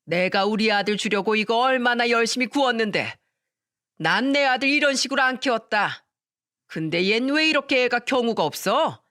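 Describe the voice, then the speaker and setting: A woman's voice: a little high, expressive, moderate pace. A woman playing a harsh older mother-in-law who berates her daughter-in-law in a story radio drama. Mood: furious scolding. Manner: shouting, berating, sharp-tongued.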